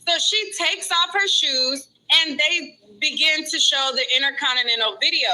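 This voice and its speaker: A woman's voice: high voice, sharp tone, rough recording. A woman streaming casual commentary from outside a courthouse, reading notes aloud and adding chatty asides. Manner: chatty, reads aloud then adds asides. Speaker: vlogger reporting outside a courthouse.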